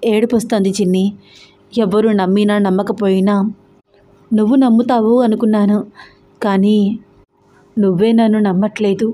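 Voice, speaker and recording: A woman's voice: mid-range voice, fairly even intonation, normal speed, long pauses, warm tone, natural voice. A woman voicing a young husband who pleads and tries to explain himself, in an emotional audio story. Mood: pleading.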